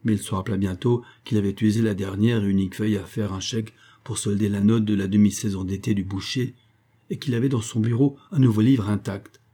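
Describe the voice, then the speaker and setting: Guy reading a novel aloud, low husky voice, dark mellow tone, steady pace. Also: a little fast. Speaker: audiobook narrator. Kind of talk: scripted narration of a novel.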